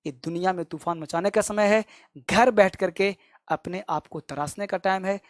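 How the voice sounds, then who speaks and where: A man teaching spoken English online, drilling phrases by repetition in a loud, emphatic way and ending with a fiery motivational pep talk. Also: sits high, normal speed, no echo, clean studio sound.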